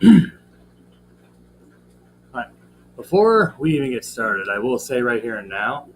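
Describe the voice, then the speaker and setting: Greeting his chat with warm shout-outs, this livestream host from the American Midwest talks in a mid-range, slightly scratchy voice that swings widely in pitch. His pace is measured, and his casual talk wanders, heavy with fillers.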